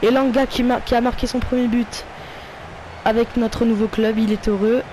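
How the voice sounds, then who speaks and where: A man with a French accent giving casual play-by-play commentary of his football video game, calling out player names and getting loud when a goal comes. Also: extremely high pitch, level tone, moderate pace, noisy background. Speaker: gaming YouTuber.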